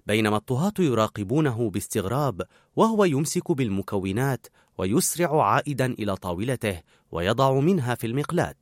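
A man narrating a children's story aloud in an animated, expressive way. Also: mid-range voice, no echo, studio quality.

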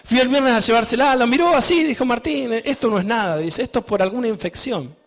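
A man's voice: extremely high pitch, a little fast, long reverb tail. A man with an Argentine accent preaching a personal testimony, telling his story with self-mocking laughs and acting out the voices of others. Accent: Argentine Spanish. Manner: storytelling, laughing at himself, quoting others in raised voice. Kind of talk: sermon testimony.

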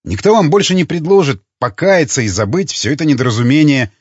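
Husky, hectoring male loyalist, read by a man; lively swings, dry lo-fi audiobook sound. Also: a little high, fast talker, no room sound. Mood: persuading. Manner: hectoring, argumentative. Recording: dull lo-fi recording.

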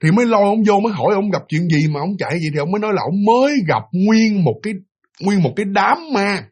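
This man, whose accent is Southern Vietnamese, tells a ghost story in a lively, casual way, packed with fillers and repeated words. He talks quickly in a high-sitting voice with a breathy edge.

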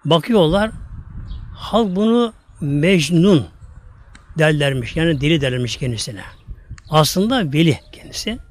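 A man preaching a sermon to his congregation, emphatic, telling stories and drawing out Arabic verses slowly. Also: on the high side, lively intonation. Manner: addresses congregation repeatedly. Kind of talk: sermon with storytelling.

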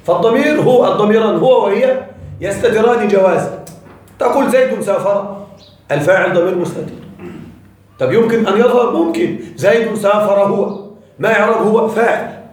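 A man's voice: high-pitched, lively intonation, fairly quick, long pauses, a little mellow. A man teaching a grammar lesson to a class, often checking that the students follow and repeating his key points. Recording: very echoey room, voice far from the mic.

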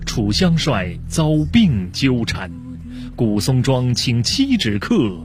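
A man reciting a story's opening verse in a drawn-out, chanting way. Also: mid-range voice, wildly swooping pitch. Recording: broadcast with music behind.

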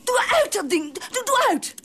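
An actress playing a fierce, nagging middle-aged wife who scolds shrilly and repeats herself in a radio drama. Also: female voice, sits high, sing-song, moderate pace. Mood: angry scolding.

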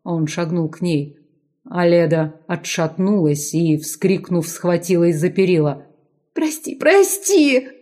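A woman reading a dramatic audiobook narration in a measured, steady way. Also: lowish voice. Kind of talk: scripted narration.

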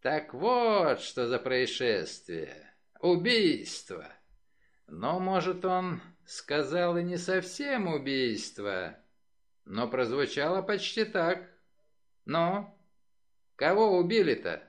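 A man reading an audiobook, voicing a short, brash male detective who speaks loudly and indignantly. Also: fairly high pitch, sing-song, slow pace, voice pushed up. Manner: loud, indignant.

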